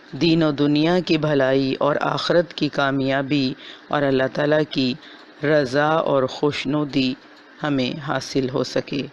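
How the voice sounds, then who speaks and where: A woman teaching Quran recitation in a recorded lesson, explaining briskly and then spelling out letter sounds slowly, syllable by syllable. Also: sits low, highs cut off, a little hiss or hum.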